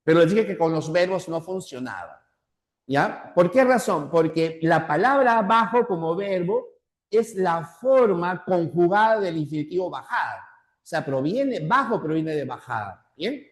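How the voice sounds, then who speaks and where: A man with a Peruvian Spanish accent lectures in a somewhat high voice. He keeps repeating key terms and checking in with "¿ya?". He slows down to lay out examples one by one. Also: animated. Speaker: teacher. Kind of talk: classroom lecture.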